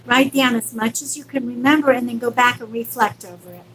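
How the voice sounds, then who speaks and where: Speaking briskly with a fairly high, steady and slightly bright voice, a woman acting as a psychic medium on a live stream reassures viewers in a casual, affectionate way, using endearments. The recording quality is rough.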